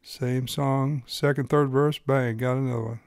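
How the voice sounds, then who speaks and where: A man's voice: medium pitch, fairly even intonation, measured pace, a little mellow, no room sound, clean studio sound. Easygoing man narrating fishing footage. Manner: easygoing, folksy explaining. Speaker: fly-fishing guide and host. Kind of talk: narrating his own fishing video.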